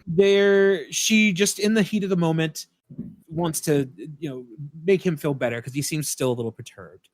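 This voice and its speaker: A man with a slightly high voice for his sex recaps a film plot on a podcast, energetic and loose, peppered with profanity and ums. The sound is dry and close, with no room echo. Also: normal speed. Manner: animated, profane storytelling with fillers. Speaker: podcast co-host. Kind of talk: casual film-review retelling. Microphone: podcast mic.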